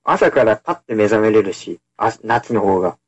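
A man's voice: fairly low pitch, expressive, normal speed, lo-fi sound. A man co-hosting a casual chat show with friends, teasing and laughing a lot, with a Kumamoto accent. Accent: Kumamoto dialect. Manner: teasing, laughs often, rough casual speech. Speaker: podcast co-host. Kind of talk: casual banter among friends.

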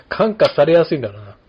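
Slightly rough and a little high, the voice belongs to a late-fifties barber from Kumamoto who hosts a laid-back podcast chat, telling stories packed with fillers. The audio is lo-fi and slightly dull.

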